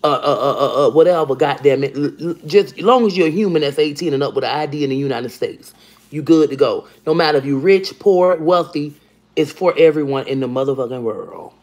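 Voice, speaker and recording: This livestream host talks briskly in a voice deep for a woman, bluntly and profanely answering viewers by name as she reads comments. She's indoors in her home kitchen, filming on a phone camera held at arm's length.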